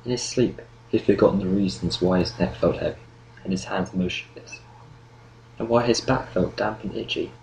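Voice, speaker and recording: Deep gravelly guy reading an audiobook, steady and measured, faint hiss behind. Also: poor audio. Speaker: audiobook narrator. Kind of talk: scripted narration.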